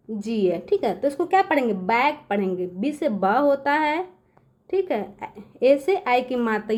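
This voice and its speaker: High-pitched woman teaching a phonics lesson. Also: darkish tone. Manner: slows down and stretches sounds to spell out words letter by letter. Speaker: English teacher. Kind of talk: classroom-style lesson explaining phonics rules.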